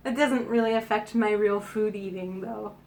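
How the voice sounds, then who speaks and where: Cheerful and giggly, a Canadian woman in her forties chats casually as co-host of a food site, speaking with a Canadian accent. Her voice is mid-range with a dark tone.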